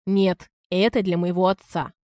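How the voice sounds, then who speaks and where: A woman reading an audiobook, voicing a calm, ironic young man who speaks in a measured way. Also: fairly low pitch, no room sound, studio quality, lightly acted. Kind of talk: audiobook character voice.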